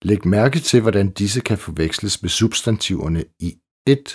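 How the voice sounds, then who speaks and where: Low husky man teaching pronunciation. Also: expressive, darkish tone. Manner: slow, measured, reads example words one by one. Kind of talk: scripted instructional narration.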